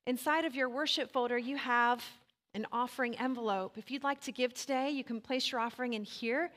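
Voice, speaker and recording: Female church speaker, slightly higher voice, calm offering announcement. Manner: calm devotional talk leading into offering.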